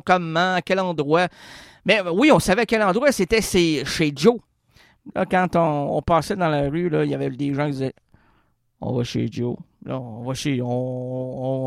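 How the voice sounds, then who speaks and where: Comic rambling on stage, stammers a lot, highish voice, echo of a big hall. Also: male voice, fairly bright tone. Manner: stammering, jumping between voices. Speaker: stand-up comedian. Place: live stage. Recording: reverberant hall.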